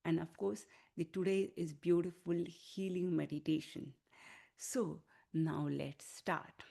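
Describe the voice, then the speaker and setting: A woman leading an online wellness class as a healing teacher, giving soothing, unhurried instruction. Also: fairly low pitch, steady tone, gravelly, dark tone. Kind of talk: online wellness class talk with guided relaxation.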